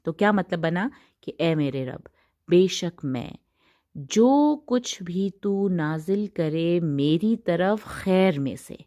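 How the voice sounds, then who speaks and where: Slow, patient woman Quran teacher. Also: on the low side, expressive, dark tone. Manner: patient, drawn-out recitation of Arabic words between explanations. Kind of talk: tajweed lesson, explaining and reciting slowly.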